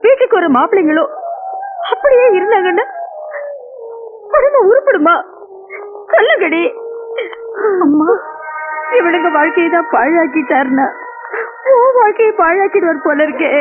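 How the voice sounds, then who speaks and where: A woman's voice: very high voice, lively intonation, a little fast. An actress playing a distraught middle-aged mother who wails and pleads over her daughters' marriages. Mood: anguished. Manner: wailing, pleading. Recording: phone-like band with film music.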